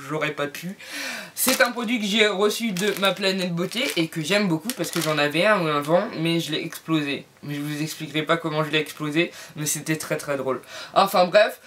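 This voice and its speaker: A woman's voice: lowish voice, fairly bright tone, a little hiss or hum. Playful woman chatting through a beauty review. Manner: playful, jokey asides to viewers. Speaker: beauty vlogger. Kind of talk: casual product review vlog. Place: home.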